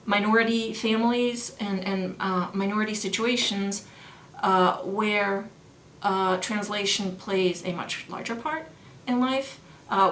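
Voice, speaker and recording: In an interview, a middle-aged woman who teaches German studies—New York-born and Vienna-raised—reflects on her research, often restarting and using fillers. Her voice is medium in pitch with a fairly bright tone, captured in a roomy recording with faint background noise.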